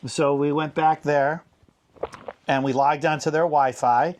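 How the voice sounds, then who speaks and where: A man's voice: a little high, steady tone, a little slow, darkish tone. A man hosting a road-trip vlog, chatting in an easygoing, casual way. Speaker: RV travel vlog host. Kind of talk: casual travel chat.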